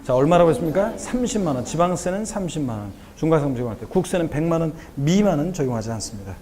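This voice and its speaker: Tax lecturer, male, slightly high voice, chatty teaching style, faint noise behind. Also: sing-song, quick pace, a little mellow. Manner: chatty, joking asides between explanations; quizzes the class and answers himself. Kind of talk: exam problem lecture.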